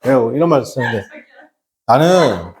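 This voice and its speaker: A man's voice: medium pitch, big pitch swings, a little slow, a little mellow, slight background noise. A male teacher giving a lecture, casual in manner, who often asks himself questions and acts out quoted lines while telling a personal story.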